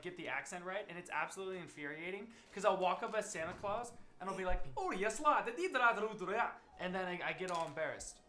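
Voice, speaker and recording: A player at a tabletop game chatting casually in an animated, joking way. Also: medium pitch.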